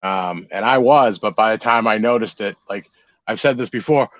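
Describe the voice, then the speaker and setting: A man's voice: on the low side, moderate pace, dry recording. A man co-hosting a podcast, telling about his grow in a blunt, laid-back way with plenty of swearing. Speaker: podcast co-host. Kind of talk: casual chat.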